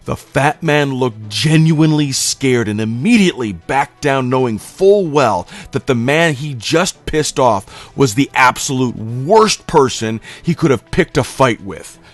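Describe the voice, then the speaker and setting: With music running underneath, a man tells a scripted comic story about himself, delivering it dramatically, emphatically, and with plenty of profanity. His mid-range voice is expressive and a little slow, with few pauses.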